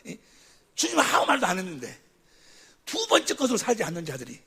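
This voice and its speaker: A man preaching at a church seminar, who keeps quizzing the audience and calling for amens, sometimes bursting into shouts. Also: sits high, wildly swooping pitch, normal speed, breathy edge. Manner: quizzes the audience with constant questions; calls for amens after each point. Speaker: pastor. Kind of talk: seminar sermon teaching.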